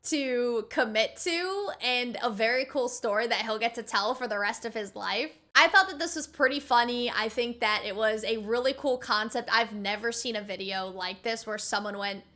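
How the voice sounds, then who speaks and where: A woman's voice: fairly high pitch, normal speed, few pauses, pushed and bright. A young woman giving casual, chatty reaction commentary, rambling with fillers and laughing often. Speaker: reaction streamer.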